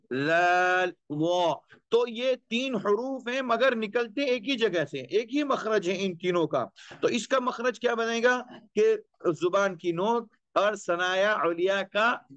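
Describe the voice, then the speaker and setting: A man with a high voice gives a tajweed lesson at a slow, unhurried pace, drawing out each Arabic letter and repeating it to demonstrate. He points out his own teeth and tongue as he explains. The recording is dry and close, with no room sound. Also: fairly bright tone, no room sound, lo-fi sound. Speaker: Quran recitation teacher.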